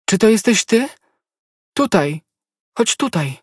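A man's voice: a little high, a little slow, breathy edge, no room sound, studio quality, voice pushed up. A man voicing a loving, frightened young woman who is dying of poison, with a breathless, pleading delivery. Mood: joyful.

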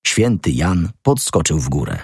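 A man narrating a novel aloud in an expressive storytelling manner. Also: moderate pace, husky, no echo, clean studio sound. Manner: expressive storytelling with wide pitch swings. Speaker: audiobook narrator. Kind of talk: scripted literary narration.

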